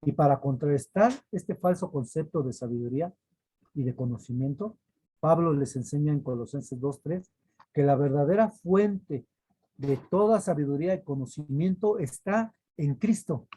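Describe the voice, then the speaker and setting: A man's voice: a little high, moderate pace, warm tone, breathy edge, poor audio. Earnest man teaching a devotional. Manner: earnest, repeats phrases for emphasis. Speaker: preacher.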